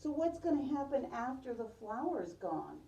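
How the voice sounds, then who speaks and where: A woman teacher reads a picture book to a preschool class, storytime-style with questions, repeating and affirming the children's answers. Her voice is a little high, sing-song, and mellow, at a moderate pace. The recording is muffled and roomy, from a distant microphone.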